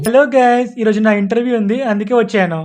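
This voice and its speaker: A man's voice: sits high, fairly even intonation, fast talker, over music, voice pushed up, lightly acted. A man voicing a spoiled, giddy young woman influencer. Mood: preening.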